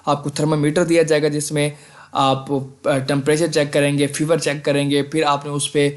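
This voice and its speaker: Guy, bit high voice, casual explainer vibe, keeps saying theek hai and bhai. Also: flat delivery. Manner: casual, repeats "theek hai" and "bhai", mixes English terms. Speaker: medical admissions advisor on a video channel. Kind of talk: explaining exam formats to students.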